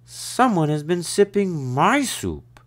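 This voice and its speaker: A man's voice: fairly high pitch, big pitch swings, takes it slowly, fairly bright tone, pitched above the performer's own voice, full character voice. A man huffing as a fussy mama bear. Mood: huffy. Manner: growling, huffing. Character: fussy middle-sized mama polar bear. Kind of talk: storybook read-aloud.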